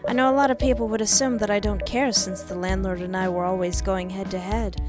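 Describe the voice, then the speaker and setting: A woman's voice: medium pitch, steady tone, fairly quick, over music, close to an everyday voice. A woman voicing a caring, frank and slightly awkward young female neighbor in a story game, casual and reassuring. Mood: concerned.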